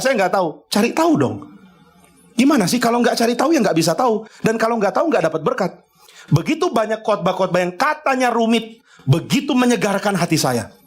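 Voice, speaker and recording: A man's voice: high-pitched, animated, fast. A male pastor preaching a sermon, conversational and emphatic, acting out little dialogues with the congregation. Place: church.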